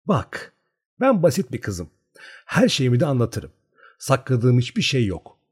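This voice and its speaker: A man's voice: mid-range voice, huge pitch swings, a little slow, darkish tone, slightly rough, full character voice. A man reading aloud, voicing a bold, playful young peasant girl who teases and coaxes her friend. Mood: teasing. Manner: playful, coaxing, mischievous.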